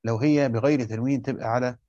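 A man's voice: mid-range voice, fairly even intonation, warm tone, no echo. Egyptian man teaching a class, dull recording. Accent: Egyptian Arabic. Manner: explains slowly, repeats points, quizzes the class. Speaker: teacher of Quran commentary. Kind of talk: classroom lesson, questioning students.

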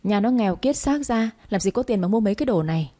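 A woman's voice: lively intonation, fast, warm tone, close to an everyday voice. A woman voicing a cruel, domineering older matriarch who scolds and sneers in a storybook reading. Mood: indignant. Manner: scolding, shrill and scornful.

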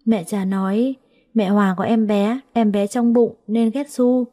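A woman's voice: mid-range voice, steady tone, measured pace, close to an everyday voice. A woman doing a timid little four-year-old girl. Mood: worried. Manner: soft, lisping child talk.

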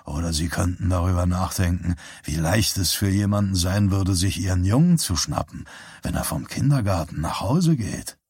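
Male reader doing a menacing thug, low-voiced and quietly sneering. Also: animated, normal speed, slightly rough, no echo, exaggerated voice.

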